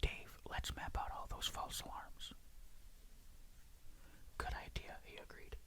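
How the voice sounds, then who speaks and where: Hushed, suspenseful whispering storyteller. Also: takes it slowly. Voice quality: breathy unvoiced whisper. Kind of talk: whispered ASMR reading of a ghost story.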